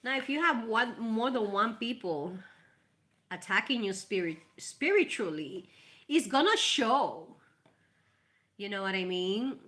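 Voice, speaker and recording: Hosting a casual live tarot session on her channel, a woman from Puerto Rico offers spiritual guidance and chats warmly with her viewers. Spanish is her first language and she has a Puerto Rican accent; her somewhat high, slightly bright voice has lively intonation and a rather slow pace.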